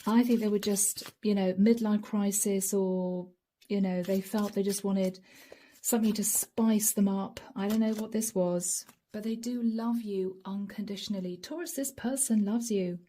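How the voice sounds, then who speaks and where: This channeled tarot reading comes from a middle-aged woman whose medium-pitched voice stays steady and unhurried. She speaks softly and intimately, whispering often, and is a little hoarse from going on for so long.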